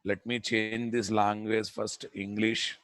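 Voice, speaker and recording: A man's voice: lowish voice, flat delivery, slow, a bit bright, no room sound. A man with a Telugu Indian accent teaching a live programming class as the instructor, repeating his phrases and checking that students follow. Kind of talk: live technical lesson.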